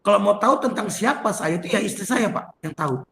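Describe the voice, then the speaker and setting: A man's voice: high-pitched, animated, a little fast, gravelly, fairly bright tone, roomy sound, a little hiss or hum. A man preaching as a pastor to an online prayer group, conversational and folksy, turning to his listeners again and again. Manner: conversational, addresses listeners as "Pak" constantly. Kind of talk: sermon. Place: home, online prayer meeting. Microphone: video call.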